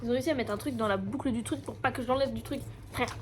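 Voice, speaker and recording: A woman's voice: fairly high pitch, racing, slight background noise. A young woman with an accent from France chatting casually in a vlog, slangy and self-mocking, dropping in English words. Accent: French from France. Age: young adult. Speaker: vlogger and university student.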